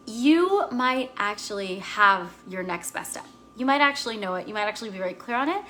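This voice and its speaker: A woman coaching actors in a motivational teaching talk, explaining earnestly and guiding slow breaths. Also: medium pitch, pushed and bright, a little hiss or hum. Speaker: acting career coach.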